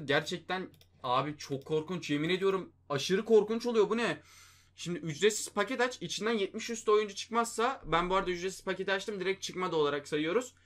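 A man with a fairly high, sharp-toned voice hosts a mobile game video and casually narrates his gameplay. Frequently exasperated, he addresses both himself and his viewers and lets slip mild swearing.

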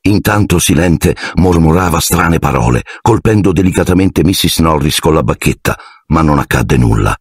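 A deep-voiced man narrates an audiobook with expressive, lively storytelling and a husky texture. The sound is close and dry, with no room around it. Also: normal speed, dry recording.

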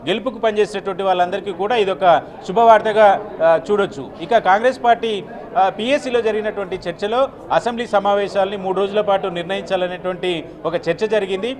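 A man in his thirties giving a live news report outdoors into a handheld mic, steady, with filler sounds between phrases. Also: high-pitched. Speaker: field reporter. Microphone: handheld channel mic.

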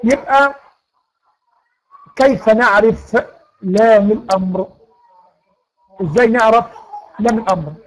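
Over a rough recording, a man with an Egyptian Arabic accent and a high-sitting voice teaches Quran recitation rules in an online lecture. He explains patiently, asks and answers his own questions, and recites verses slowly.

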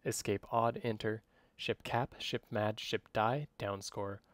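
A man with a fairly low voice is dictating computer code in short, clipped commands. He paces the isolated words somewhat slowly, and the sound is dry and close. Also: steady tone, no room sound. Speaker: demonstrator of voice coding software.

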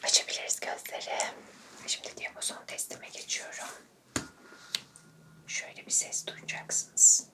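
A woman whispering through a roleplayed medical exam, giving slow, gentle step-by-step instructions. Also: recorded from a distance. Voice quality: soft whispering. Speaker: doctor roleplay.

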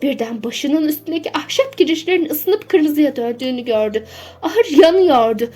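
High-voiced woman reading a children's story.

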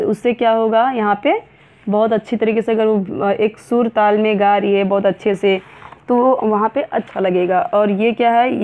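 Woman teaching, thin phone-like sound. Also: medium pitch. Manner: reads English lines slowly, then explains in Hindi with frequent fillers. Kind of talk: classroom lesson explaining a textbook.

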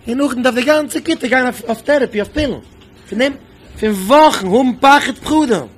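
A man's voice: extremely high pitch, moderate pace, slight background noise. A man speaking as a rabbi in an impassioned sermon, pressing his point with repeated rhetorical questions.

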